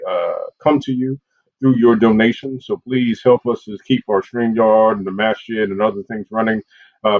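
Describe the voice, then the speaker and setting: Over a video call, a man with a lowish voice hosts an online community program and reads out announcements. There's no echo, but the audio is dull and lo-fi, typical of a video call.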